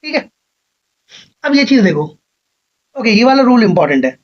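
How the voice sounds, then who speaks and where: A man's voice: extremely high pitch, very animated, normal speed, muffled recording. A man teaching an exam-prep grammar lecture, explaining patiently step by step and often checking that his students follow.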